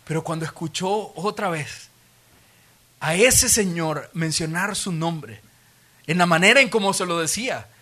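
A man, preaching a sermon as a pastor and retelling the story in an animated, vivid way. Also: high-pitched, unhurried.

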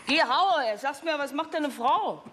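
A coquettish young actress. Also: female voice, high-pitched, lively intonation, a little slow, a bit bright, slight background noise. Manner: coquettish, dialect-colored. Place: theatre stage.

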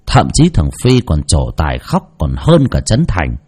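A man narrates a spooky folk story with expressive delivery and mocking asides. His voice is husky and mellow, and it swings dramatically in pitch from line to line. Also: a little slow.

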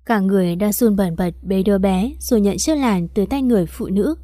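Woman, storyteller, first-person audiobook narration, steady earnest reading, dry close sound. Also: mid-range voice, fairly quick, no room sound.

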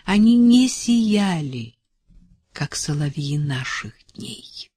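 A woman voicing a wistful elderly male singer in an audiobook, speaking quietly and ruefully. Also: low voice, expressive, slow pace, slightly rough, no room sound, clean studio sound, exaggerated voice.

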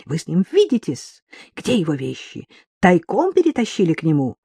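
A woman's voice: fairly low pitch, huge pitch swings, normal speed, creaky, mellow, slightly rough, dry recording, clean studio sound, exaggerated voice. A woman doing a drunk, wailing middle-aged mother. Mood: bitter tirade. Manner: lisping baby talk turning to wailing.

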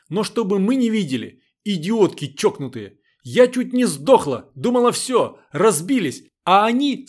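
A man reading the part of a fierce young woman who shouts and swears through tears. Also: fairly high pitch, pitched above the performer's own voice. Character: fierce tough young woman, crying and cursing.

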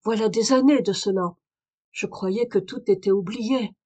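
A woman's voice: medium pitch, unhurried, mellow, highs cut off, lightly acted. A woman reader voicing a desperate aristocratic young wife in a French audiobook, pleading and urgent. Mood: anxious confession. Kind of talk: audiobook reading of a detective story.

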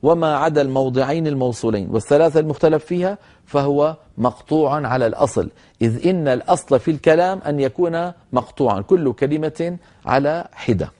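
A man with a mellow voice on the high side gives a broadcast lesson on Quran recitation rules. He speaks measuredly, demonstrates recited words slowly, and addresses listeners directly as brothers.

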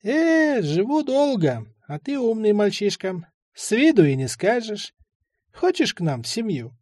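A man voicing a sly, rambling old male drug addict in an audiobook, with a high, shouting voice and halting, odd phrases. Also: very animated, no echo, studio quality, full character voice. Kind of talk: audiobook character voice.

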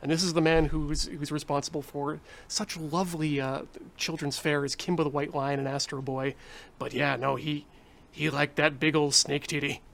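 A man's voice: on the high side, flat delivery, normal speed, gravelly, a bit bright. A man chatting casually on a panel, making playful, mock-scholarly asides. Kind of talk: casual comedic chat.

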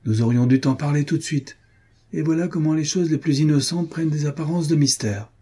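A man voicing a calm, guarded lover. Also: on the high side, husky, voice pushed up. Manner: measured, composed. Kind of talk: audiobook character reading.

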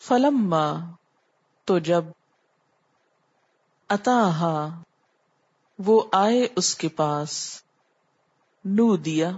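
Measured woman teaching word by word. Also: fairly low pitch, darkish tone, slightly rough, dull audio. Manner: measured, alternating recitation and translation. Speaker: Quran teacher. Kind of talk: word-by-word translation lesson.

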